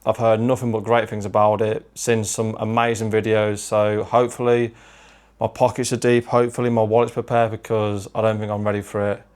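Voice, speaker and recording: Here the same kind of speaker, a young man who vlogs about game collecting, chats on a travel vlog, drained after a long drive and poking fun at himself. He speaks fairly quickly in a lowish, darkish voice with little pitch movement. No echo is present.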